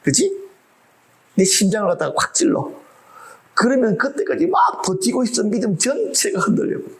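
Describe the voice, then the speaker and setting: Lively, animated male preacher. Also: very high-pitched, normal speed, creaky. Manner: lively, humorous preaching with rhetorical questions. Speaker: pastor. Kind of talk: sermon.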